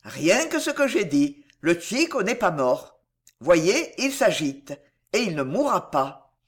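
A reader voicing a bold, good-humored chevalier in a storybook who swears playful old oaths. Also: male voice, sits high, very animated, slow, heavily acted. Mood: hearty. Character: bold, jovial male swordsman chevalier. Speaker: storybook character. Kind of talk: dramatic audiobook reading.

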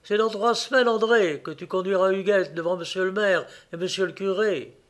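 A man's voice: sits high, moderate pace, a bit bright, pitched above the performer's own voice. A man playing a bitter, heartbroken young village man who speaks with plaintive anguish in a read-aloud story.

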